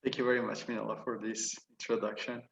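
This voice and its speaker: A man's voice: lowish voice, little pitch movement, fast, gravelly, muffled recording, slight background noise. A young man hosting an interview, asking polite, slightly formal questions with small hesitations. He sits back from the mic, so his voice sounds distant. The room around him is echoey. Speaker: interviewer, master student. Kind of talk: conversational interview.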